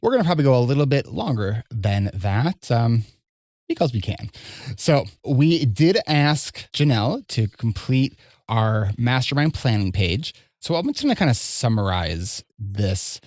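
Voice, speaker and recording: A man hosting a podcast, talking in a relaxed conversational way with frequent fillers. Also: medium pitch, unhurried, no room sound, studio quality. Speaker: podcast host.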